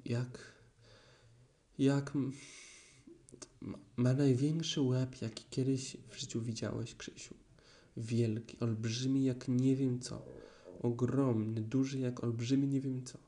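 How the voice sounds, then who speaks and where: A man's voice: medium pitch, little pitch movement, takes it slowly, pauses often, mellow. A man voicing a timid little piglet who stammers and squeals in panic, breathless. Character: timid little piglet, small, easily frightened.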